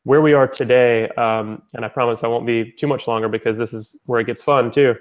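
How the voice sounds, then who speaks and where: A man's voice: medium pitch, fairly even intonation, fairly quick. A young man giving a casual spoken presentation, rambling a little, with lots of "um"s and restarts. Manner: rambling, with many fillers and restarts. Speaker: founder presenting his language-exchange platform.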